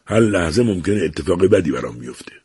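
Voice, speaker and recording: A man's voice: sits low, lively intonation, darkish tone, husky, no echo, studio quality, exaggerated voice. A man voicing a gloomy older father who grumbles weakly about his heart. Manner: weak, complaining voice. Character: fretful older father sure he is ill.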